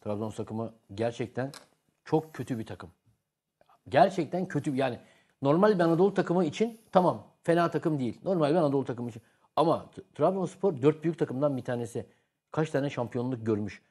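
A man's voice: medium pitch, lively intonation, a little fast, mellow, slightly rough. A man arguing bluntly and emphatically as a football pundit in a heated studio debate.

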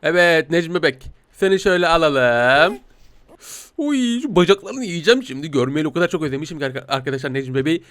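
A man gives teasing, giggly commentary as he plays a game, speaking as a cat. His voice sits high for a man and sounds close and dry. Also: lively intonation, fast talker, a bit bright, dry recording. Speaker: gaming YouTuber playing a talking cat.

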